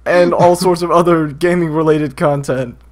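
A man's voice: on the high side, fairly even intonation, moderate pace, slight background noise. A man hosting a casual gaming podcast over a voice call, laughing often and sounding exasperated. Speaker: podcast host.

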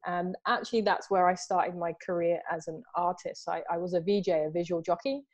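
An animated woman from Southeast London, England, joins a casual video-call interview as an artist guest, speaking a little fast in a voice on the low side. She gestures a lot and uses many fillers like "you know." She's in a home room with books and artwork behind her, speaking through earphones.

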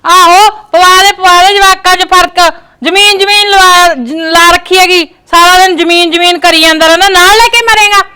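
An actress playing a sharp-tongued, nagging village mother with a Punjabi accent. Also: extremely high pitch, steady tone, normal speed. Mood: scolding. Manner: scolding, nagging. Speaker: mother and sister-in-law.

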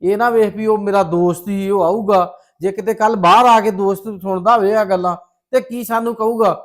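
A man's voice: sits high, steady tone, normal speed, natural voice. An actor playing an angry brother who scolds his sister and family. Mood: stern. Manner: loud, scolding. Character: angry brother, head of the young household.

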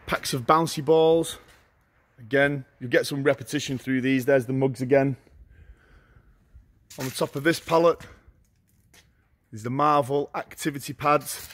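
A middle-aged man walking through a large warehouse, listing auction lots in short, brisk phrases as he goes. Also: medium pitch, fairly even intonation. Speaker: auctioneer giving a viewing tour. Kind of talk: walking tour commentary. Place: large indoor warehouse with shelving.

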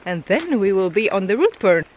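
A woman's voice: medium pitch, sing-song, normal speed, dull audio, slight background noise. A woman recording a casual hiking vlog outdoors on a mountain trail, chatty and easygoing, often laughing between remarks. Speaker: hiking vlogger. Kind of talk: casual vlog chat to camera.

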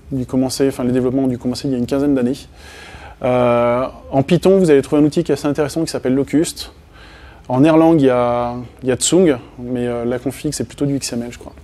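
A Frenchman in his thirties gives a casual technical talk at a conference, addressing a small audience in a meeting room with a projector. His mellow, mid-range voice is full of hesitations and restarts.

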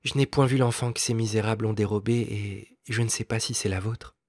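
A man doing a gentle, coaxing young lady. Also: fairly low pitch, fairly even intonation, brisk, no room sound, studio quality. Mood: tactful. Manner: soft, coaxing, tactful. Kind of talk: storybook reading.

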